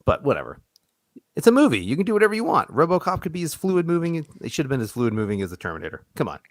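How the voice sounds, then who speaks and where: A man co-hosting a podcast in casual chat, animated and sarcastic. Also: racing, no room sound. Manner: animated, sarcastic, jumps into high exclaims. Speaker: podcast co-host.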